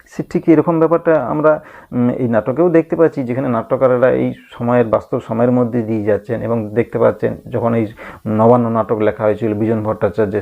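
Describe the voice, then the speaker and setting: A man's voice: mid-range voice, creaky. A male teacher reading a play aloud and explaining it in a lesson, thinking aloud with many hums and restarts. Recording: tinny phone-like audio.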